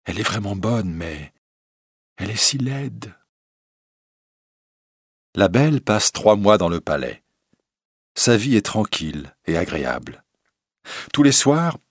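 A man narrating a fairy tale in a slow, clear, measured reading. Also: lowish voice, dry recording, studio quality. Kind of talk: storybook reading.

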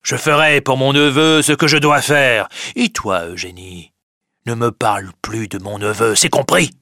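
A man's voice: lowish voice, lively intonation, moderate pace, creaky, a bit bright, no echo, clean studio sound, full character voice. A man reading aloud who voices a stern, miserly old wine-grower father who counts every coin. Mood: excited. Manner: counting money aloud, insistent. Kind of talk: audiobook reading.

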